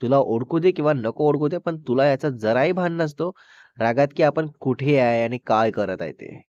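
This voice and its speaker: A man's voice: medium pitch, expressive, moderate pace, a little mellow, no echo, natural voice. Blunt, protective young male friend, voiced by a male narrator; scolding, dull dry audio. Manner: scolding, threatening.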